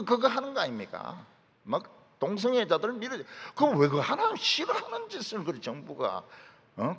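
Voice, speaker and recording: Animated, gravelly preacher. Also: male voice, sits high, in a large hall. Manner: emphatic, punctuates with short affirmations and rhetorical questions. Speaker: pastor. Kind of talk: sermon. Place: large church sanctuary.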